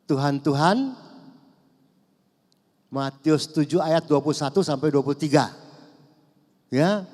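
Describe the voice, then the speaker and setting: Older pastor preaching in a reverberant church. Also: male voice, a little high. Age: over 50. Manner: conversational, mixes in Javanese words, swings between loud and hushed. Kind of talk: sermon. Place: large church hall. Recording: long church hall reverb.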